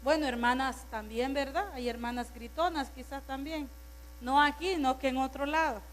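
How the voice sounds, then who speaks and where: A woman's voice: sits high, fairly even intonation, normal speed, a little hiss or hum. A woman pastor preaching a sermon to her congregation, stressing word lists and turning to the listeners with asides.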